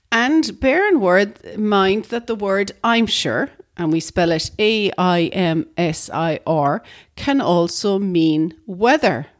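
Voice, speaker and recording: Irish woman narrating in a storytelling way. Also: mid-range voice. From Ireland. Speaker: host. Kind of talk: scripted educational narration.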